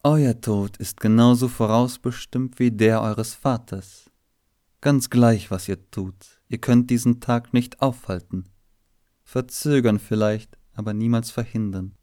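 A man voicing a calm woman seer with a velvety voice, speaking slowly and evenly. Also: fairly low pitch, dry recording, studio quality. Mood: calm, foreboding. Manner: slow, calm and measured.

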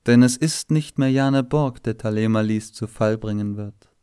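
A man voicing a calm woman seer with a velvety voice, speaking slowly and evenly. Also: on the low side, clean tone, no room sound, studio quality, lightly acted. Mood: calm, foreboding. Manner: slow, calm and measured.

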